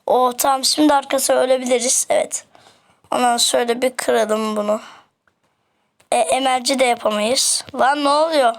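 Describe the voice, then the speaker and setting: A woman giving excited gameplay commentary, scolding the game's monsters in rough slang. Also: high voice, normal speed. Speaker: gaming channel host.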